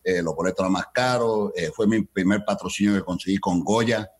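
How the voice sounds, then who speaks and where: Middle-aged man, very low voice, animated interview storyteller who slips between Spanish and English. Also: brisk. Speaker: salsa event promoter.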